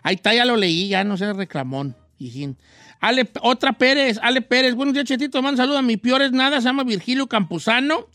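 A man's voice: extremely high pitch, a little fast, bright, forceful tone, dry recording, studio quality. A man voicing a cheeky old rancher character with a Mexican accent, hosting a comic radio show and teasingly reading out listener greetings. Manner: teasing, scolding, playful.

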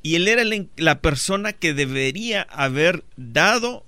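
A man appearing as a guest on a radio show, explaining political news in a measured, explanatory way. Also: fairly high pitch, expressive, bright, forceful tone, dry recording.

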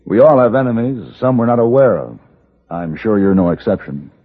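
An actor narrating and playing a cool, terse male gunman in an old radio western, measured and clipped. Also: fairly low pitch, husky. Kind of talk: 1950s radio drama narration and dialogue. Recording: muffled old radio with music.

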